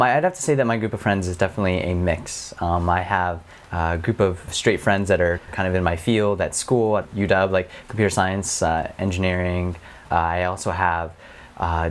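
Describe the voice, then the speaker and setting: Young man, interviewee: low voice, hesitant, filler-heavy. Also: fairly even intonation, normal speed. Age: 20s. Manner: hesitant, many ums and uhs. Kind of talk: documentary interview.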